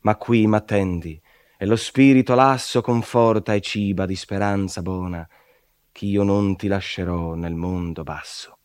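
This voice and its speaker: A man's voice: low voice, steady tone, darkish tone, smooth, no echo. A man as a solemn old poet-guide. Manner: measured, solemn, reassuring. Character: wise, calm elder male poet-guide.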